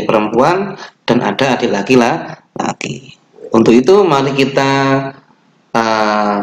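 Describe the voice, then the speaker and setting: A young male teacher with an Indonesian accent gives a children's online lesson from a webcam at his desk. He talks slowly and patiently, fixing his own slips as he goes. The small room around him is echoey. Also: medium pitch, a little hiss or hum. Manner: slow, patient explaining with fillers and self-corrections; chants the opening prayer.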